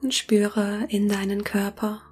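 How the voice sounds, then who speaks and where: A woman guides a meditation in a soft, breathy near-whisper, slowly and calmly with long pauses. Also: medium pitch, soft background music. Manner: slow, calming, long pauses between phrases. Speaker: meditation guide and podcast host.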